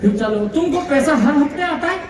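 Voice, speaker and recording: At a moderate pace, a man with a very high voice entertains a large hall as a motivational speaker, spinning a comic tale and acting out the lines with animation. Captured from a distant mic, the audio echoes and carries crowd noise.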